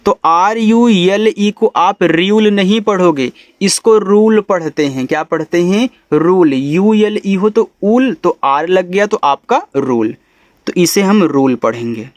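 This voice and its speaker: A man teaching English phonics to beginners, spelling letters out slowly and then saying each word lower. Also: animated, dry recording. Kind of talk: phonics lesson explanation.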